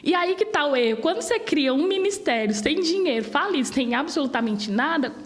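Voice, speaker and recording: Passionate young Brazilian woman, high voice. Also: brisk. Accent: Brazilian Portuguese. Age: 20s. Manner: passionate, animated argument. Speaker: guest. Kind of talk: interview.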